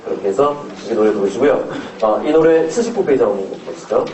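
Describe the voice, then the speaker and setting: A man's voice: mid-range voice, lively intonation, quick pace, a little mellow, slight background noise. A man conducting a choir rehearsal, explaining casually and counting the singers in. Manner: explains casually, counts in and sings demonstration phrases. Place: rehearsal room. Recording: echoey room from far off, dull sound.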